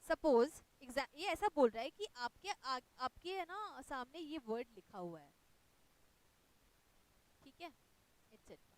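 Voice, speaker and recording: Indian lady teacher, high voice, slow careful explaining, keeps asking right? okay?. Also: big pitch swings, no room sound, rough recording. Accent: Indian English. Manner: explains slowly, mixing Hindi and English, checks in with "right?" and "okay". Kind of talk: online exam-prep lecture.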